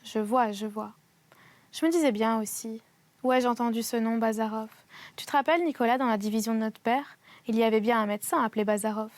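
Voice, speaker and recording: A woman reading the lines of a haughty, ironic older aristocrat in a storybook reading, speaking deliberately and with mock politeness. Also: fairly high pitch, steady tone, no echo, lightly acted. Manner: mocking, deliberate, pronounces words with care.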